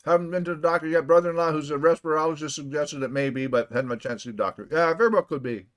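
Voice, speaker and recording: A man's voice: a little high, very fast. A man streaming a game from home, chatting casually and playfully with his viewers and inventing silly words. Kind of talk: casual live stream chat.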